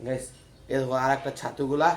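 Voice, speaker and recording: A young man chatting to viewers while filming a casual phone vlog at home and on local roads, slightly hoarse. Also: medium pitch, flat delivery, quick pace, slight background noise. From India. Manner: chatty, addresses viewers as "guys". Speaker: vlogger.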